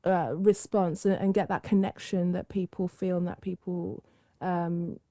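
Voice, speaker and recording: A woman's voice: on the low side, fairly even intonation, a little slow, warm tone, dry recording, studio quality. A woman hosting a podcast interview, thinking aloud with loose, searching phrasing. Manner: musing, many fillers and restarts. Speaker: podcast host.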